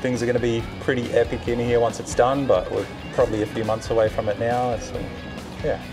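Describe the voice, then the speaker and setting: Fast, slangy man over loud music. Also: mid-range voice, level tone. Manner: informal, slangy. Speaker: parts and accessories manager. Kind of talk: casual interview chat. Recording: loud guitar music and vehicle noise behind.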